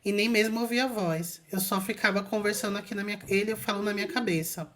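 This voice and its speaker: A Brazilian woman telling a personal spiritual story in a casual vlog, chatty and animated, acting out quoted voices and talking straight to her viewers. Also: medium pitch, fast talker. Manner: frequent fillers and restarts, addresses viewers directly. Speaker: spiritual content creator.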